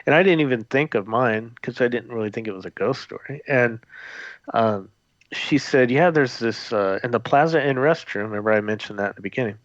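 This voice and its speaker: A man of middle pitch tells a story in an easy, rambling way, full of fillers and restarts. The audio is dull and lo-fi, with a dry, close sound and no room around it. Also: brisk, no room sound. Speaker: guest, former theme park custodian. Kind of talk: conversational storytelling.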